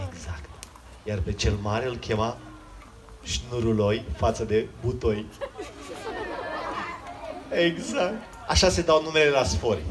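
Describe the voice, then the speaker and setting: A man, a children's magician, telling a comic story on stage and teasing the audience. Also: mid-range voice. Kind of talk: live comedic storytelling to a crowd. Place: outdoor stage at a water park. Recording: noisy live crowd.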